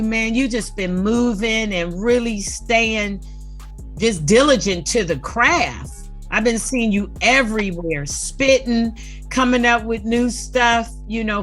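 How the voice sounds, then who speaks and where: A woman's voice: on the high side, fairly bright tone. A woman hosting a casual podcast interview over a video call, upbeat and friendly with an easygoing street slang. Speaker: podcast host.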